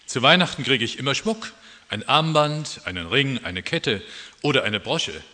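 Ein Mann spielt eine krächzende, prahlerische Elster. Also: male voice, mid-range voice, animated, moderate pace, pushed and bright, long reverb tail. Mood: prahlend. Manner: croaking.

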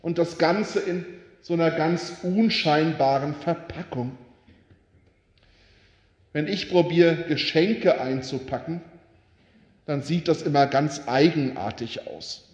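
Slow-speaking male pastor in a reverberant hall. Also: on the high side, a little mellow. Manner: slow, measured storytelling with voiced animal quotes. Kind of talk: Christmas Eve sermon.

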